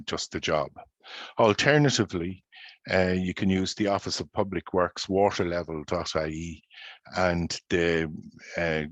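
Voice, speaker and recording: A man talks through a paddling route in a very deep, low voice. He explains things in a measured way, often pausing on um and uh. The recording is close and completely dry. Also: no room sound. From Ireland. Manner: measured, explanatory, with frequent fillers. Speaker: presenter, paddler. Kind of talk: informal presentation with slides.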